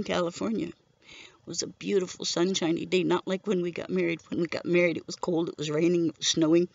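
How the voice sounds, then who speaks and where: A woman's voice: fairly low pitch, gravelly, no echo, lo-fi sound. A middle-aged woman telling the story of her husband's death in an emotional, tearful way. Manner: emotional, tearful, present-tense retelling. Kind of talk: personal spoken testimony.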